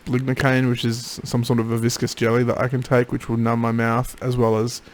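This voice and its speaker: A man, tired and drowsy after throat surgery, talking in a low-energy way in a casual video diary. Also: monotone, a little fast. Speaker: patient keeping a recovery video diary. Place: home office.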